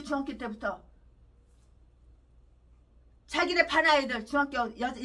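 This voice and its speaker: A woman pastor preaching an expository sermon, emphatic and repeating herself, at times breaking into angry shouted tirades, her voice distant from the mic. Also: sits high.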